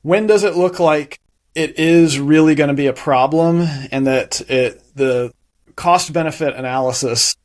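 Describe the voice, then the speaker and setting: Measured man explaining technical ideas. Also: a little high, a little mellow. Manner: thoughtful, measured, with frequent fillers and restarts. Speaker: guest on a tech interview. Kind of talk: explanatory conversational interview answers.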